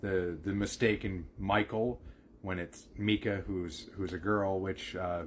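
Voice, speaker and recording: A man chatting casually on a live stream, rambling with many pauses and fillers. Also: low-pitched, fairly even intonation, a little hiss or hum.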